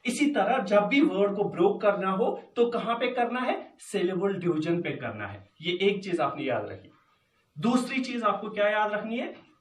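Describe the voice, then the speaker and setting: A man teaching a punctuation lesson, slowly repeating words as he switches between English and Hindi. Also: high-pitched, fairly bright tone, far from the mic. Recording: echoey room, voice from off-mic.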